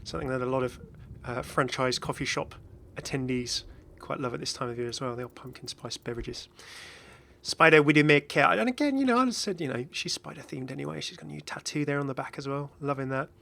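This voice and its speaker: A man's voice: medium pitch, fairly quick, gravelly, sharp tone. A man hosting a gaming video with casual, chatty commentary that drifts into hesitant asides. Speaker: video host, game content creator.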